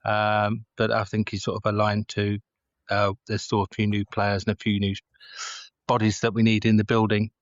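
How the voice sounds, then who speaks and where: Low-voiced man chatting from the backyard. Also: monotone, normal speed, dry recording, muffled recording. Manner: speaking casually outdoors from the garden. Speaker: podcast co-host. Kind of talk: casual sports chat. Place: outdoors in a home garden.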